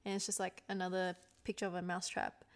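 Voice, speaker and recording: A woman's voice: lowish voice, monotone, fast talker. Laughing, foul-mouthed woman chatting casually. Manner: laughing, swearing freely, reading memes aloud. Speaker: podcast co-host. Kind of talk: casual chat.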